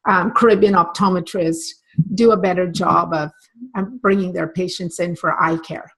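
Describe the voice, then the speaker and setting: A woman's voice: on the low side, steady tone, normal speed. An older woman from Barbados, a guest coach speaking earnestly and passionately in an online interview, often restarting her sentences. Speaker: guest, optometry practice coach.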